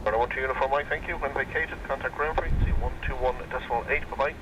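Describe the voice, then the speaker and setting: A man working as an air traffic controller, heard over a radio transmission and giving clipped, rapid radio calls. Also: medium pitch, steady tone. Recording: distant radio feed with loud airfield noise.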